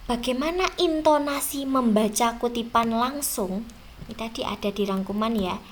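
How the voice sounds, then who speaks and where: A woman's voice: a little high, slight background noise. A young woman teaching an exam review lesson, speaking straight to her students and drawing out the words she stresses. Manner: slow, drawn-out stressed words, addressing students directly.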